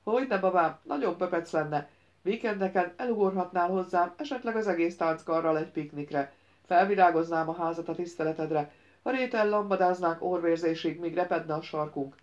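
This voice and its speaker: A woman's voice: on the low side, highs cut off, lightly acted. A woman doing a sarcastic tough man. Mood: mocking. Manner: mocking, teasing.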